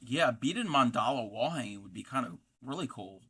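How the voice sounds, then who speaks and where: A man from North America hosting a casual crafting livestream, talking in a halting, distracted way as he reads out chat messages. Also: mid-range voice, expressive, bright, forceful tone, breathy edge. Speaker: livestream host of a craft channel.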